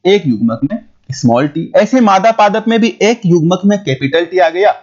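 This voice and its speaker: A man teaching a school biology lesson, talking quickly, repeating points and checking whether his students follow. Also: high-pitched, animated, darkish tone. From India. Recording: dull lo-fi recording.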